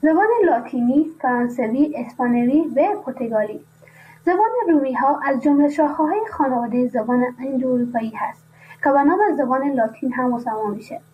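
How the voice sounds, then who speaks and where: A woman, reading a radio lesson and adding casual spoken asides. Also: high voice. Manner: reads a text, then explains it in casual asides. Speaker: teacher. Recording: dull lo-fi radio sound, faint noise.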